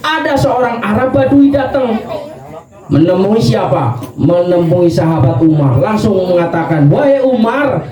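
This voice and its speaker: Male preacher, high, mellow voice, roomy, dull recording. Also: unhurried, far from the mic, crowd noise. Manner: animated, dramatic storytelling. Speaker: Islamic preacher. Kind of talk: storytelling sermon.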